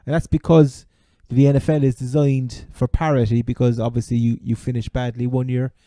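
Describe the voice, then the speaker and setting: A man's voice: mid-range voice, level tone, fairly quick, warm tone, no echo, studio quality. A man with an Irish accent from Cork, co-hosting a casual chat about sport. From Ireland. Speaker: sports podcast co-host.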